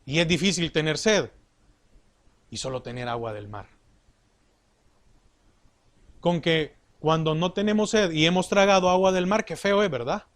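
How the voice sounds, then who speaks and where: A middle-aged man preaching a sermon in a slow, deliberate way, asking the congregation rhetorical questions. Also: a little high.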